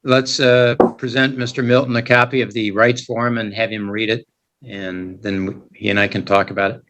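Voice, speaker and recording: An American man speaking as a judge in a court hearing, explaining rights and procedure in a measured, formal, plain-spoken way. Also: lowish voice, level tone, a bit bright. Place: court hearing held over video call.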